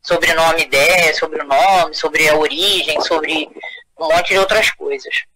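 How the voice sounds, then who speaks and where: A woman being interviewed, recalling things casually and haltingly as she searches for words. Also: sits low, steady tone, sharp tone, dry recording, rough recording. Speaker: interviewee, witness.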